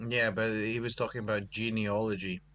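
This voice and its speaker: A man's voice: on the low side, little pitch movement, brisk, a bit bright. A man chatting playfully on a livestream, now and then reading text aloud in a mock-dramatic way. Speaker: game developer. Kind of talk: casual livestream chat.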